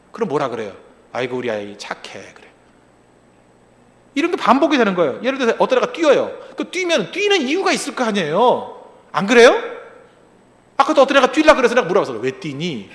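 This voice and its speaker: High-pitched, fast-talking preaching man. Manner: animated preaching with rhetorical questions to the congregation; acts out short quoted lines in other voices. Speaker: pastor. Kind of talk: sermon. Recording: long reverb of a large hall.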